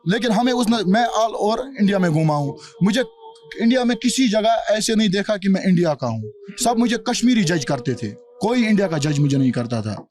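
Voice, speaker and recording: A man's voice: sits high, big pitch swings, moderate pace, darkish tone. A man from Kashmir answering a street interview bluntly and defiantly. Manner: blunt, defiant, repeats himself. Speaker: local resident.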